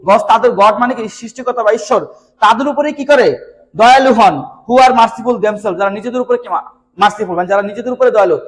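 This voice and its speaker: A man with a Bangladeshi accent teaching an English lesson, reading each line slowly and then explaining it at length with questions to his students. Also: high voice, poor audio.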